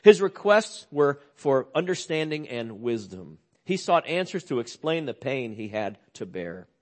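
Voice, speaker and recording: An older man, a pastor, preaching a sermon and telling a story earnestly, dropping low and quiet on sad news and rising for emphasis. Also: very animated, a little slow.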